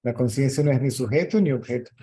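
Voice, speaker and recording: A man teaching spirituality in a question-and-answer meeting, explaining calmly and often checking in with a short "yes?". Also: mid-range voice, fast talker, husky, poor audio.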